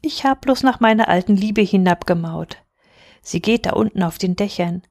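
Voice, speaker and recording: A gruff, loyal old tomcat from a storybook, grumbling and confiding as he tells what happened, as a woman reads him aloud. The voice carries a light gravelly edge and sounds dry and close. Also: medium pitch, normal speed, a little mellow, no room sound, lightly acted. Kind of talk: storybook reading.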